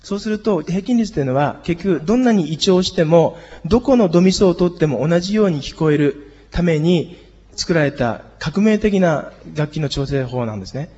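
A hoarse man teaching a group singing lesson, explaining harmony and leading the class in exercises. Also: fairly high pitch, animated, moderate pace, mellow, big-room sound, highs cut off. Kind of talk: music lesson.

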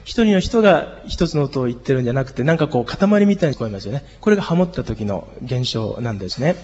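A hoarse man teaching a group singing lesson, explaining harmony and leading the class in exercises. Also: mid-range voice, very animated, quick pace, long reverb tail, dull audio. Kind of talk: music lesson.

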